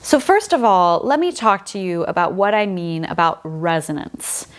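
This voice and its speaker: A woman in her thirties, working as an accent coach, gives a clear, measured, explanatory talk to camera. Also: lowish voice, animated.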